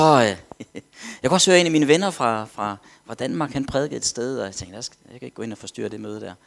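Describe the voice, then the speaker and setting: A man's voice: medium pitch, creaky, a bit bright. A man preaching, telling a story animatedly, acting out quotes and dropping to whispers. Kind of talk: sermon testimony storytelling.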